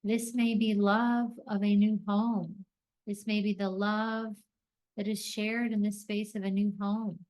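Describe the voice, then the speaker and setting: The woman's mid-range voice stays level as she leads a guided meditation. She speaks gently and deliberately, in short phrases broken up by long pauses.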